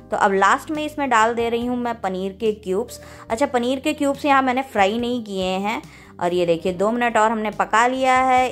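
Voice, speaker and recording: A woman, host of a cooking channel, giving a recipe voice-over with friendly step-by-step instructions. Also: mid-range voice.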